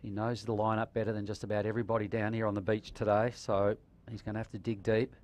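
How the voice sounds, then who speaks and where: Male live surf announcer, slightly deep voice, easygoing surfer delivery with plenty of slang. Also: level tone, fast, a little mellow. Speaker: surf contest live commentator. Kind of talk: live sports commentary.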